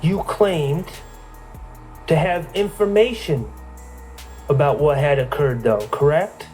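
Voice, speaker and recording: A man's voice: fairly high pitch, darkish tone, faint music behind, rough recording. Pointed male attorney cross-examining a witness. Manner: measured, pointed questioning, ends questions with "correct?". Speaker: defense attorney. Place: courtroom.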